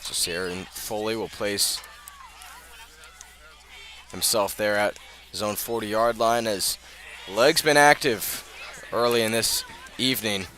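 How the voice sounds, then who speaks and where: An American announcer handles radio play-by-play of a live football game, his fairly low voice pushed and bright. He's measured between snaps and rises with each big play, and a little hiss or hum runs through the audio.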